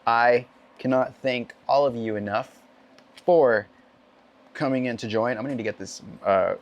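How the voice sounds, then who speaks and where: A man streamer with a hoarse voice and a cough, rambling in upbeat, self-deprecating chat as he wraps up a racing stream from his home gaming setup. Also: mid-range voice, normal speed. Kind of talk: casual end-of-stream chat.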